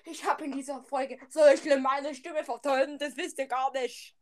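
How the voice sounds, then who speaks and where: A woman's voice: high-pitched, fairly even intonation, moderate pace. A woman chatting casually on a podcast, giggly and hesitant.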